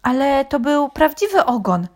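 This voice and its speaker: A woman voicing an excitable young male dog in a children's story, eager and a bit timid. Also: on the high side, takes it slowly, voice pushed up.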